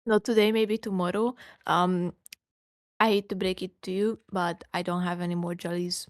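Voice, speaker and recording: A woman's voice: lowish voice, level tone, normal speed, no room sound. A woman co-hosting a casual streamed podcast, playful and giggly, who swears freely. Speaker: podcast co-host. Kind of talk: casual chat on a live stream.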